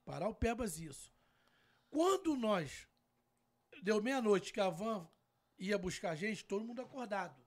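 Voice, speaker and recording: Brief: high-pitched man, slangy and animated, tells a road-trip yarn. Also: unhurried, pauses often. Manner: animated, slangy, acts out quoted dialogue. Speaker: guest storyteller. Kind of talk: casual storytelling.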